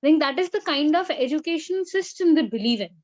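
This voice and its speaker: A young woman in her twenties, a student giving an earnest, halting online talk over a video call with a bad connection that keeps cutting out. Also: high-pitched, animated, darkish tone. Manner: earnest, halting with many fillers. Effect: choppy audio from a bad connection that keeps cutting out. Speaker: student speaker. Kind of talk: online presentation. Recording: dull lo-fi online call audio.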